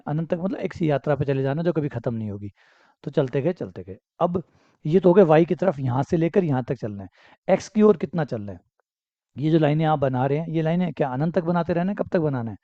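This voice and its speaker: A man's voice: fairly high pitch, warm tone, no echo, muffled recording. A man teaching a university math lesson, explaining step by step, asking questions and answering them himself, repeating key phrases to encourage his students. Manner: repetitive, encouraging, asks and answers own questions. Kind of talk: explanatory lecture.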